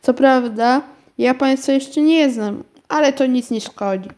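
A woman's voice: high-pitched, darkish tone. Woman doing a dreamy, forgetful old aunt. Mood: dreamy, hospitable. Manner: slow, dreamy and coaxing.

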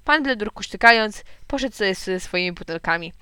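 A woman narrating a children's storybook in a lively, expressive way. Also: mid-range voice, fairly quick, clear, resonant tone, no echo, studio quality. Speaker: audiobook narrator. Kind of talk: storybook reading.

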